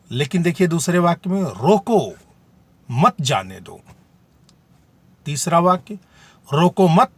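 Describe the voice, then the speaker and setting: Man teaching grammar, unhurried delivery, rising and falling intonation, dry close recording. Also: on the high side, no room sound. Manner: deliberate, defines terms and spells out examples. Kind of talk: slow explanatory video lesson.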